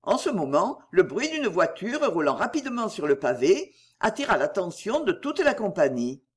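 Audiobook narrator, classic novel, lively intonation, husky voice. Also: medium pitch, normal speed.

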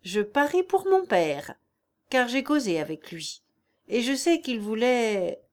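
Woman reading confident rich young man, eager, fairly high voice. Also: very animated, takes it slowly.

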